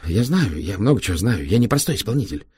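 A man reading an audiobook, voicing a frightened captured male agent who speaks hoarsely and hastily. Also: on the low side, very animated, fast, darkish tone, no echo, clean studio sound, voice pushed up, exaggerated voice. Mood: hasty. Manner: hasty, eager to cooperate.

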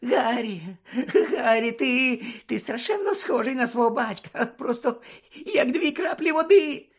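A man's voice: very high-pitched, expressive, measured pace, slightly rough, pitched above the performer's own voice, heavily acted. A man reading an audiobook, voicing a cowering male traitor wizard who whines and pleads through tears. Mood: whimpering pleading. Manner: whining, pleading, tearful.

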